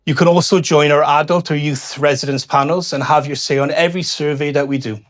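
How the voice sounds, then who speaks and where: A man giving a scripted public address as a local councillor, speaking in a formal, measured way. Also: on the high side, steady tone. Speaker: local councillor, cabinet member.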